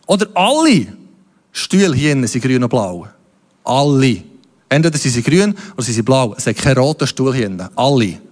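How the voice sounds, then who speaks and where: A man's voice: medium pitch, a little fast. A man preaching a sermon, telling stories with playful asides. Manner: lively storytelling with playful asides. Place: church hall. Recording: long hall reverb.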